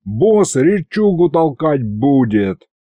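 A man voicing a cheeky, brash young henchman who giggles and shouts. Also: on the high side, big pitch swings, takes it slowly, no room sound, narrow, tinny audio, pitched above the performer's own voice, heavily acted.

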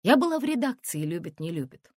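A woman reading an audiobook and voicing an indignant, pushy young woman who speaks in raised, sharp outbursts. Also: medium pitch, sing-song, fairly quick, dry recording, studio quality, pitched above the performer's own voice.

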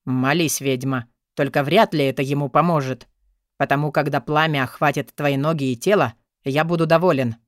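A gruff, hoarse man speaks in a low, menacing half-whisper, as a woman narrator puts him on. The voice sits deep and grumbles each word with dry closeness. It suits a brooding rescuer in an audiobook. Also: fairly even intonation, normal speed, no room sound, lightly acted. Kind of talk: audiobook character voice.

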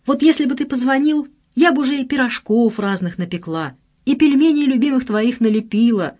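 A woman voicing a fussing, doting middle-aged mother in an audiobook, scolding with lively pitch swings. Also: a little fast. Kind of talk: audiobook character reading.

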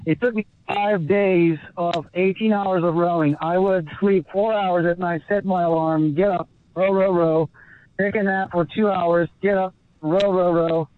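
A man's voice: sits high, steady tone, dry recording. Man on a tinny satellite phone line. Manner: halting, with frequent fillers and restarts. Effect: satellite phone line with delay. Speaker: ocean rower on an expedition. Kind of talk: remote interview guest. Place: small rowing boat out at sea. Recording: tinny satellite phone line relayed through a video call.

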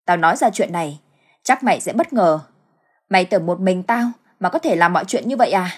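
A woman's voice: mid-range voice, expressive, normal speed, breathy edge. A woman voicing a cruel, scheming older village woman who wails and gloats in a storybook tale. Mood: cruel gloating. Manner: wailing then coldly gloating.

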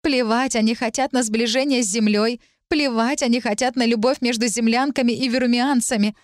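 Woman narrator doing a panicky young girl, way up high, breathless and pleading. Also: steady tone, fairly quick, no room sound, clean studio sound, lightly acted. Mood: desperate. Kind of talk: audiobook character voice.

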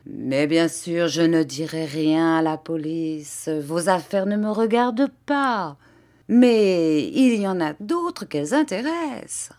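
A woman reading an audiobook who voices a cruel man who beats children, speaking in a soft, mocking, menacing tone. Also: fairly low pitch, expressive, slow pace. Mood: sly mocking.

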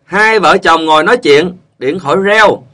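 A man's voice: high-pitched, normal speed, very noisy. A man narrating short funny stories in a plain storyteller's way.

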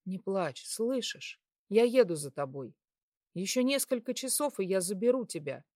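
A woman voicing a protective young man who speaks soothingly and reassuringly on the phone, in a lowered voice. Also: expressive, moderate pace, a little mellow, no room sound, clean studio sound, natural voice. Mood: tender reassurance.

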